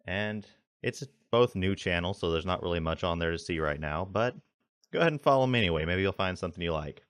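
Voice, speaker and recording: A man co-hosting a casual podcast, relaxed and plain-spoken. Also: low-pitched, a little fast, clean tone, no echo, studio quality. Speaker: podcast co-host.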